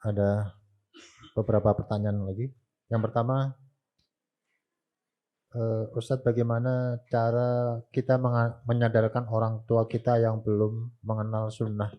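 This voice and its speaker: A man's voice: medium pitch, flat delivery, muffled recording. A man politely reading out audience questions to a preacher as moderator. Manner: polite, measured, addresses the preacher.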